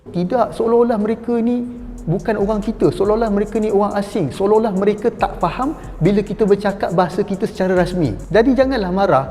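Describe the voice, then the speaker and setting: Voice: mid-range voice, fast talker, dark tone, big-room sound. A speaker from Malaysia with a Malaysian Malay accent, giving an earnest, emphatic opinion monologue in a lecturing tone. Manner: lecturing, emphatic, slips into mock voices for examples. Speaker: commentator in a clip.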